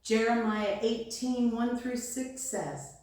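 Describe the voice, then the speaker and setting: A woman reading a devotional story aloud in a gentle storytelling manner. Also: a little high, steady tone, takes it slowly, heavy reverb, distant mic. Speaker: devotional reader. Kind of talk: slow read-aloud devotion.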